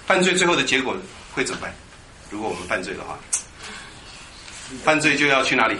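Animated male preacher in an echoey hall. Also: mid-range voice, fast talker. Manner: animated, quizzes the congregation, teaches Greek words. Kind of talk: lively Bible teaching sermon. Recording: echoey hall with background noise.

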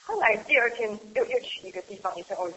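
A middle-aged woman sharing a personal church testimony in a chatty, halting way, with frequent laughs and restarts. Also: medium pitch, expressive, a bit bright, muffled recording, slight background noise. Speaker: church member giving a testimony. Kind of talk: casual spoken testimony.

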